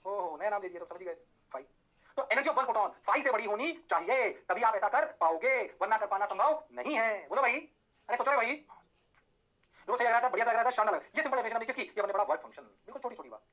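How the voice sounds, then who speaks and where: A man teaching physics in a classroom lecture, constantly checking whether his students follow and slowing down to dictate definitions in English. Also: high voice, expressive, bright, forceful tone. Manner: rhyming rapid-fire praise words.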